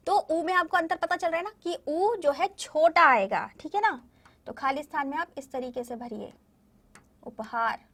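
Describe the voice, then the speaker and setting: A woman with a high, light voice leads a primary school language lesson. She speaks patiently to young children, explains step by step and keeps checking that they follow. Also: fairly bright tone. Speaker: primary school Hindi teacher. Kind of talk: recorded classroom lesson addressing children.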